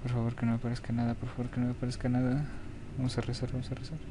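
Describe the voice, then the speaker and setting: A man's voice: medium pitch, completely flat delivery, very fast, background noise. A young man with a Mexican Spanish accent, commentating a horror game and talking to himself in a jittery way. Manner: jittery, begging, talks to himself. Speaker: gaming YouTuber.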